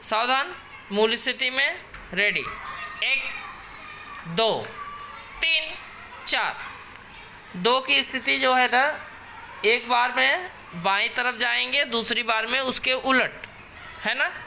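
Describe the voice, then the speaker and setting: Give me a slow, bright-voiced woman teacher calling out exercise counts. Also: a little high, gravelly, slight background noise. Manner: slow, patient instruction, counting out drill beats. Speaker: school teacher. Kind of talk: exercise lesson for children.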